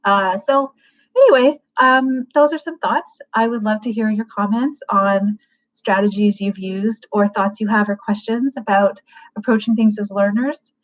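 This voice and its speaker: A woman's voice: mid-range voice, a little slow. A woman hosting a livecast, giving frank, casual advice and thinking aloud with plenty of fillers. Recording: dull lo-fi livecast audio.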